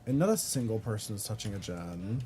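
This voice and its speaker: A young man streams a game and chats casually with his viewers, speaking briskly over a faint hiss or hum. He swears, reads chat aloud, and swings between flat mutters and high squeals.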